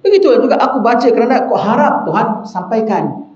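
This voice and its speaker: A man's voice: very high voice, animated, brisk, a little mellow. A man with a Malaysian Malay accent preaching a sermon, bantering with the audience and mock-arguing in a rising, incredulous voice. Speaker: religious teacher. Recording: roomy, muffled recording with faint hiss.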